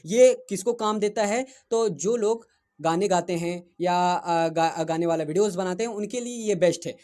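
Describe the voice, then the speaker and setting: A man with a noticeably high voice explains a wireless microphone app setting by setting. He speaks casually into a clip-on mic indoors, pausing to confirm each step with his viewers. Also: warm tone. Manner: explains step by step, often checks with "thik hai". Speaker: tech reviewer. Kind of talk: casual tutorial walkthrough. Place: indoors, in front of a running fan. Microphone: wireless lapel mic.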